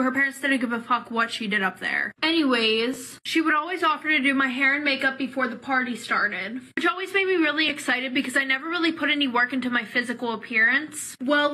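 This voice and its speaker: A woman's voice: high-pitched, pushed and bright. A young woman telling a casual storytime in a blunt, matter-of-fact way, with some swearing.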